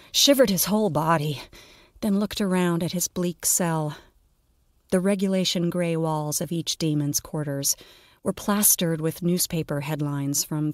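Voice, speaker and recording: A woman's voice: on the low side, no echo. A woman narrating a scripted audio story with wry, playful asides.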